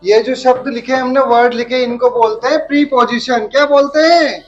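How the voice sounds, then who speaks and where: High-pitched lady teacher quizzing little kids, dull lo-fi sound. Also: steady tone, soft background music. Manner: slow, drawn-out teacherly calls and questions to the class. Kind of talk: classroom grammar lesson for children.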